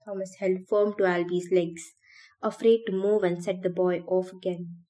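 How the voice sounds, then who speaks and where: A woman reading a novel aloud for a podcast in a steady, measured way. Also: on the low side. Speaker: podcast reader.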